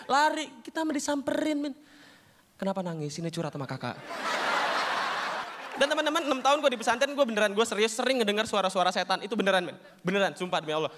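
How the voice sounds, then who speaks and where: A young man doing a stand-up comedy set, telling stories in an animated, slangy way and acting out characters. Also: high voice, fast talker, noisy background. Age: young adult.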